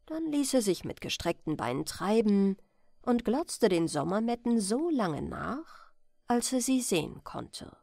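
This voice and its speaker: A woman reads a bedtime fairy tale as scripted audiobook narration, telling the story expressively and deliberately. Her mid-range voice carries vocal fry, and the studio-quality recording has no room sound.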